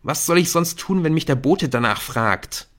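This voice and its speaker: A man's voice: fairly high pitch, expressive, normal speed, fairly bright tone, voice pushed up. A man reading an audiobook, voicing a defensive teenage schoolboy who brushes off his friend's worries. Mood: dismissive. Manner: dismissive, brushing things off. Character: defensive teenage schoolboy hooked on a secret game. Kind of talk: audiobook character voice.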